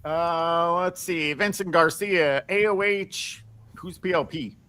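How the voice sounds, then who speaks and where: High, bright male stream host. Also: clean tone. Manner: halting, with many "uh" fillers. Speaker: podcast host reading donations. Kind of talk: casual live-stream chat.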